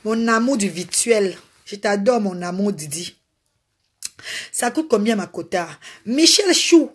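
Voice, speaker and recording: A woman's voice: medium pitch, lively intonation, measured pace, slightly rough. A woman hosting a casual live stream, talking animatedly and repetitively to her viewers and greeting them by name. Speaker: live-stream host selling a slimming potion.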